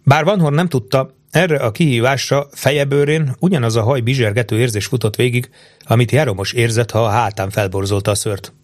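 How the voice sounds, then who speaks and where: A man reading an adventure novel aloud in a steady, measured narration. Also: mid-range voice, dry recording. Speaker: audiobook narrator. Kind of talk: scripted narration.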